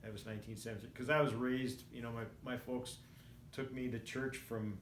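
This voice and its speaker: A man in his sixties telling personal stories in a casual, rambling and reflective way, often halting mid-thought. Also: mid-range voice, little pitch movement. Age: 60s. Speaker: vlogger. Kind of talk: casual personal storytelling to camera. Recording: roomy echo, faint background noise.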